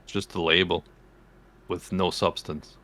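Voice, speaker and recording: Guy hosting a podcast, bright punchy voice, dry sound, lots of bro slang. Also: low voice, little pitch movement, measured pace, no room sound. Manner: slangy, bro-heavy banter. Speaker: podcast host. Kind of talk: casual podcast chat.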